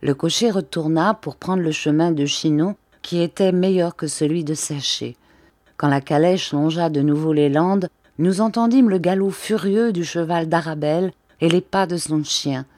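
A woman reads a classic novel aloud in a measured, expressive way. Her voice is low and mellow, and the close recording sounds dry with no room around it. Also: dry recording. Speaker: audiobook reader. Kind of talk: literary audiobook narration.

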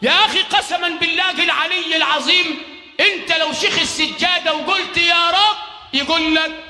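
A man preaching a sermon with an Egyptian accent, shouting with passion and chanting verses in a long sung voice. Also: very high voice, a little fast. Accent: Egyptian Arabic. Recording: echoey hall, faint music behind.

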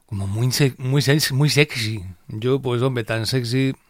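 A man from Spain talks through a film on a podcast in a chatty, animated way. His voice sits at an ordinary middle pitch and sounds dry and close, with no room around it. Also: takes it slowly, dry recording. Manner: chatty, animated retelling with acted-out quotes. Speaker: podcast host. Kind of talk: casual podcast chat retelling a film.

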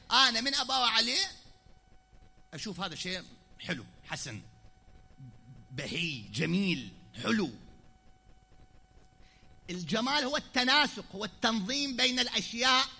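Iraqi male preacher at a pulpit, high and very bright voice, teacherly sermon that swings to loud declaiming. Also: sing-song, normal speed, pauses often. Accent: Iraqi Arabic. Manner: explanatory, swings from quiet asides to loud declaiming. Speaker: preacher at a mourning gathering. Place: pulpit in a hall.

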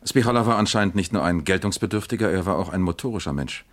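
In a radio crime drama, a male actor with a low voice plays a probing, dry-witted East German police captain. He muses and questions deliberately, with a light acting touch.

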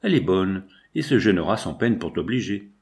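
A man's voice: deep voice, animated, brisk, pitched below the performer's own voice. A man reading a kindly innkeeper. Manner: reassuring, warm-hearted. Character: kindly male innkeeper, protective and generous.

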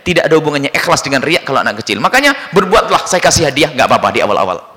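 A man's voice: on the high side, big pitch swings, very fast, bright, forceful tone, long reverb tail. A man preaching a sermon to parents, speaking straight to the congregation. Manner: addresses the congregation directly.

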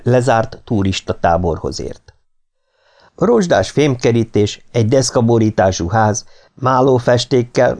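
Brief: male audiobook reader, low and gravelly, lively intonation, steady expressive read. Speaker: audiobook narrator. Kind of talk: audiobook narration.

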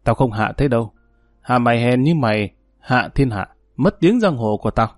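A man's voice: mid-range voice, animated, normal speed, no room sound, clean studio sound, soft background music, natural voice. A man reading an audiobook, voicing a tough, menacing male gang leader who talks in harsh threats.

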